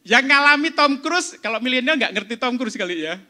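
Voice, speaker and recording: Lively high-voiced man quizzing an audience. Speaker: speaker at an entrepreneurship seminar. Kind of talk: seminar talk to a live audience. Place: event hall.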